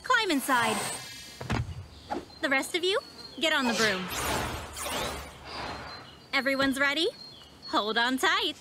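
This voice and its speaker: A woman's voice: high voice, very animated, takes it slowly, pauses often, heavily acted. A woman voicing a bossy, centuries-old cartoon witch who talks in a brusque, commanding, theatrical way. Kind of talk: animated cartoon voice acting. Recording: loud music under the voice.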